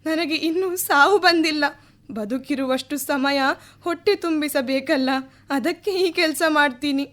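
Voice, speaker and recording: A woman's voice: high voice, measured pace, a bit bright. A woman playing a poor elderly widowed mother who sells flowers by the street, talking in a tearful, pleading way in a radio drama. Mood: resigned.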